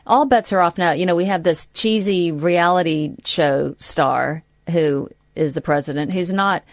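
A woman co-hosting a radio show, chatting in an animated, rambling, self-deprecating way. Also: on the low side, a little slow, no room sound, clean studio sound. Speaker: radio co-host. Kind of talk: casual radio chat.

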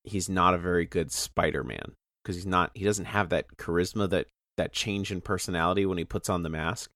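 A man's voice: low-pitched, fairly quick, fairly bright tone, dry recording, studio quality. A man co-hosting a casual movie discussion, talking in rambling, self-interrupting bursts. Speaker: podcast co-host.

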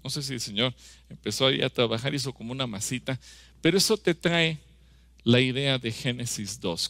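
Gravelly, bright-voiced emphatic preacher man. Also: mid-range voice, dry recording. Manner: emphatic, acts out scripture dialogue; asks the congregation rhetorical questions. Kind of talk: sermon.

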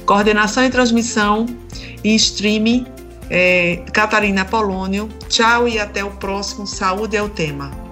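Woman radio presenter, mid-pitched, soft music behind. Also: a little slow.

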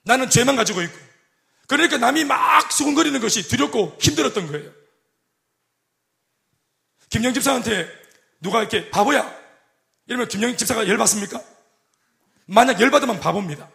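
A middle-aged man preaching a sermon as pastor, animated and joking, acting out quoted voices. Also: extremely high pitch, a little fast, creaky, pauses often. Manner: animated, acts out quoted voices and jokes with the congregation.

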